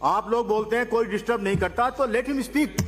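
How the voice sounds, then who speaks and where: High-voiced man chairing an assembly. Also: moderate pace. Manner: firm, brief orders to members. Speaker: presiding officer of the assembly. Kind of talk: chairing a legislative session. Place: legislative assembly hall. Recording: long reverb of a large hall.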